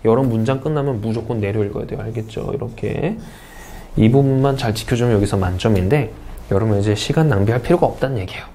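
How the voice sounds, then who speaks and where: A man's voice: fairly low pitch, quick pace, dark tone, a little hiss or hum. A man from South Korea teaching an English speaking test course in an online lecture, often putting questions to his students and answering them himself.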